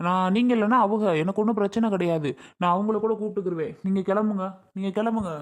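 In a village family skit, a man plays a stubborn, boastful landlord who haggles hard, repeats his price and talks pushily. His voice is high-pitched and quick, close to how he'd normally sound.

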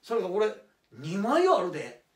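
男性が演じる 関西弁のぶっきらぼうな親方。ざらついた声で抑揚豊かにからかう。部屋に響き、マイクから離れた音。. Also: male voice, a little high, wildly swooping pitch, moderate pace, creaky, exaggerated voice. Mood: teasing. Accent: Kansai. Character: gruff Kansai work boss, middle-aged man. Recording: roomy, distant mic.

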